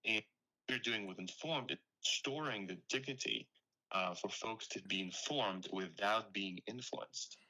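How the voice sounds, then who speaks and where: A man's voice: on the low side, unhurried, bright, forceful tone, rough recording. A young man from Ukraine, a startup founder being interviewed, explaining his work earnestly with frequent "you know"s. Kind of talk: conversational interview.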